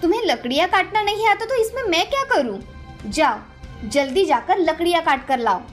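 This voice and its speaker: A woman's voice: high voice, very animated, moderate pace, faint music behind. Sudha, a bossy scolding stepmother, voiced by a woman. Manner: bossy, taunting, sharp commands. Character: harsh scolding stepmother, middle-aged woman. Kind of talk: animated storybook voice acting.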